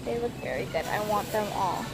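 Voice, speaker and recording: A woman's voice: mid-range voice, expressive, brisk, vocal fry. A woman, a mother, chatting casually to a handheld camera in a car and outside a stadium, giggly and losing her train of thought. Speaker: family vlogger and mother. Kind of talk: casual vlog chat. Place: in a car, then outdoors around a stadium. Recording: loud traffic and outdoor noise.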